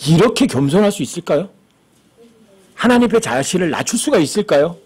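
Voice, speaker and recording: A man's voice: high-pitched, very animated, fairly quick, darkish tone, slightly rough. A man preaching a sermon as pastor, asking the congregation questions and acting out the lines he quotes.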